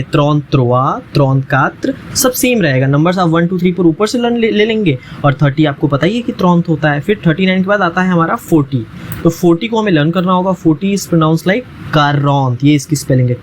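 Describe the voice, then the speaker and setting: A man teaching a language lesson, a little higher-pitched than most men. He repeats each word slowly and patiently and keeps checking that the listener is following. There is faint noise in the background. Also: rough recording. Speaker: French teacher. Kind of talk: language lesson explained in Hindi.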